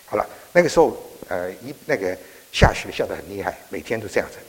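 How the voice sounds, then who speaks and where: A man preaching, telling a story in an animated, halting way with frequent restarts. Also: fairly low pitch, slightly rough. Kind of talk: sermon storytelling. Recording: echoey hall.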